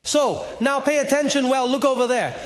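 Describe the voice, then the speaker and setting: Man, very high voice, preacher, sermon, emphatic, rhetorical questions. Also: fairly even intonation, normal speed. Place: church conference hall.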